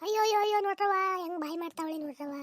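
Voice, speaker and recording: A shrill, very high cartoon mother-in-law, voiced by a woman, an elderly grump who bickers and wails over her woes at breakneck speed. Her melodramatic laments are recorded close and dry. The tone is a comic cartoon squabble. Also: very fast, dry recording. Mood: wailing. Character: complaining elderly mother-in-law, self-pitying and dramatic.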